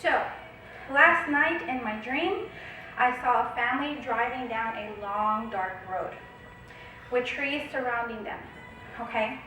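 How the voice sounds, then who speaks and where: High-pitched lady telling a dream story, keeps asking okay?, sounds far away and roomy. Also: takes it slowly, pushed and bright, a little hiss or hum. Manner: chatty, often adds a checking "okay?". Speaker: spiritual channeler reading her dream. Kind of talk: casual storytelling narration.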